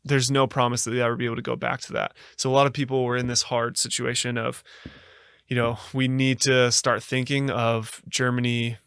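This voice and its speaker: A podcast guest from the United States tells a reflective story in an earnest, even tone, his mid-range voice smooth and clean. He pauses often, using fillers and restarting his thoughts. The recording is dry and close, without any room sound.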